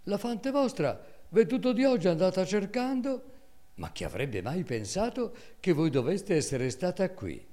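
A man's voice: high voice, sing-song, moderate pace, dark tone, pitched above the performer's own voice. A man voicing a startled farmhand. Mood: astonished. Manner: astonished, calling out. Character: simple male farmhand, startled and kind.

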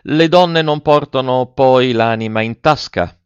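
A man's voice: mid-range voice, unhurried, smooth, no room sound, voice pushed up, lightly acted. A man voicing a nosy, gossiping middle-aged lady in an audiobook reading, speaking with a pointed, insinuating manner. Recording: dry, dull lo-fi.

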